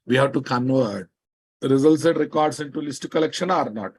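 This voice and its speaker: A man with a slightly rough, husky voice and a Telugu accent from India gives a live programming lecture. He is emphatic and instructive, restating key phrases and checking on his class with pointed questions. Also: medium pitch, moderate pace, a little mellow. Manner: emphatic, repeats phrases and prods listeners with questions. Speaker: software teacher.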